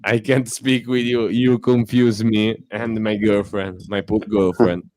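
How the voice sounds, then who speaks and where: A playful man with an Italian accent, talking in a lowish voice as a guest on a casual stream. He laughs often and sounds happily confused. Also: flat delivery, a little slow, darkish tone. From Italy. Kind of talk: casual chat.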